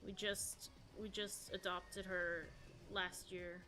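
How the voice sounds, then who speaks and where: A woman's voice: on the low side, flat delivery, takes it slowly, bright, forceful tone, faint music behind. A woman in her thirties chatting casually on a live stream, answering viewers in a rambling, chatty way. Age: 30s. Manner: chatty, rambling, reading chat aloud.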